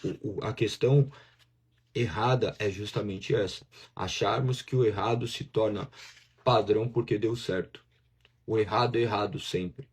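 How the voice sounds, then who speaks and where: A man's voice: on the low side, fairly even intonation, normal speed, husky. A man with a Brazilian Portuguese accent preaching a sermon as pastor, in a conversational way that acts out inner voices as dialogue.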